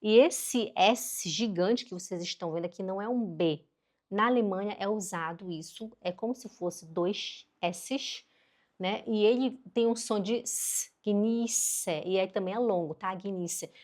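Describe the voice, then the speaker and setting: A middle-aged German teacher with a mid-range voice gives a casual online language lesson. She is chatty and animated, slowing down carefully to model pronunciation.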